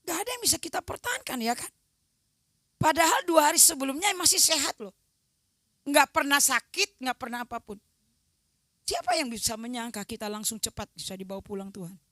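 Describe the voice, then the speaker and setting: A woman preacher delivers a sermon mixed with personal testimony, her fairly high, bright voice recorded close and dry. She slips between hushed, near-whispered moments and loud, emphatic declarations. She acts out remembered dialogue in a chatty, way. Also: animated, fairly quick, no room sound. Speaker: evangelist preacher.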